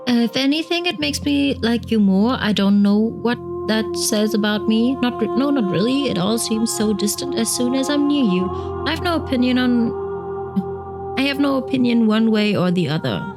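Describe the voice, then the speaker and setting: A native German-speaking woman with a German accent hosts a let's play, reading game text aloud and chatting casually over game music. Her voice is a little high and animated, at a normal speed.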